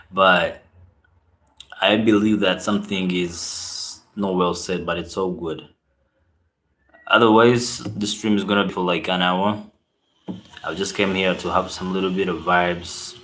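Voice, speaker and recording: A man with a Ugandan accent hosts a relaxed live stream, chatting to viewers and reading their comments aloud. His voice sits fairly low and sounds roomy, with echo from the space around him. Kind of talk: casual live-stream chat.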